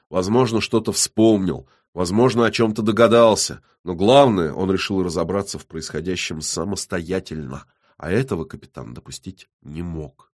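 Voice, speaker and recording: A man narrating an audiobook in a measured, even reading. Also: deep voice. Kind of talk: scripted narration.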